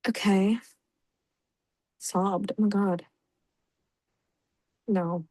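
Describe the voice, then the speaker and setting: A woman's voice: medium pitch, steady tone, extremely slow, mellow, no echo. A young woman giving casual let's-play commentary, chatty and reacting aloud with laughs and groans. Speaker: gaming YouTuber.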